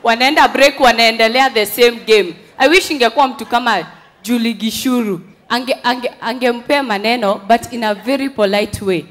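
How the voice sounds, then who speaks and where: A young Kenyan woman performs stand-up comedy on an indoor stage, mixing Swahili and English through a headset mic. Her voice is fairly high and fairly bright, at a normal speed, and she's chatty, often mimicking other voices.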